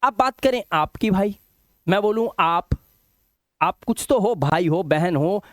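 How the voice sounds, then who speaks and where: A man's voice: high voice, animated, no echo. Dry-voiced male English teacher drilling words. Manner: explains slowly with repetition, addresses viewers directly; drills word lists in a slow, sing-song rhythm. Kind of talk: spoken English lesson in Hindi.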